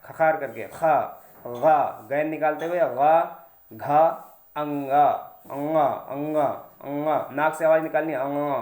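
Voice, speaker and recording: A male teacher giving a grammar lesson, saying each sound slowly and asking learners to repeat after him. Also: on the high side, a little mellow. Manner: slow, drawn-out demonstration of sounds, asks learners to repeat. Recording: echoey room.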